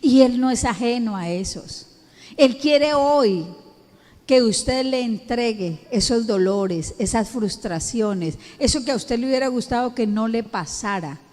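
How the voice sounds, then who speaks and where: A woman pastor with a Colombian accent delivering an emphatic sermon, drawing out words and rising to peaks. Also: a little high. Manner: emphatic, slow, drawn-out preaching with rising peaks. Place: church hall. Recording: long church hall reverb.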